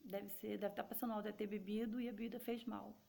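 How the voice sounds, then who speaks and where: A woman's voice: medium pitch, little pitch movement, fast, creaky, warm tone. Woman doing her skeptical husband. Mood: dismissive. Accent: Brazilian Portuguese. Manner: dismissive, reassuring.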